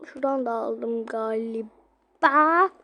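High-voiced chatty young woman vlogger. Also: slow, muffled recording. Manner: chatty, addressing viewers directly. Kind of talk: casual game play narration.

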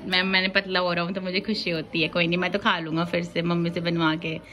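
A woman's voice: lowish voice, level tone, quick pace. A young woman, chatting casually and teasingly in a family vlog filmed on a phone. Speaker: vlogger. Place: home, indoors and on a rooftop.

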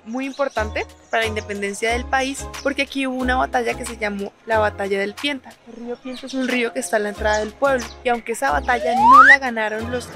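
A young woman, chatting outdoors as she tours a town and explains a grammar point to viewers. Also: fairly high pitch. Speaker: Spanish teacher and travel vlogger. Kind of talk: travel vlog with language tips. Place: outdoors in a small town and countryside. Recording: music playing behind the voice.

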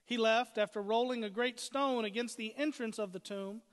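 A man's voice: very high-pitched, steady tone, normal speed, a bit bright, big-room sound. A man preaching as pastor, building emphasis through repeated short phrases. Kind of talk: sermon.

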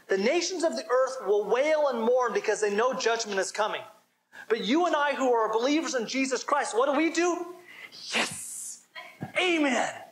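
A man's voice: very high voice, a bit bright, poor audio. A man preaching a sermon as pastor, emphatic and calling for responses from the congregation.

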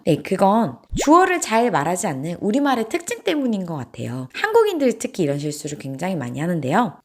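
A woman teaching English grammar in an online lesson, asking questions and then answering them step by step. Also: mid-range voice. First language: Korean.

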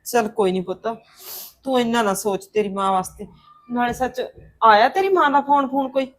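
An actress playing a kindly older aunt who calmly consoles her niece in a Punjabi drama. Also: a little high, moderate pace, close to an everyday voice. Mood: consoling. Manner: soothing, consoling.

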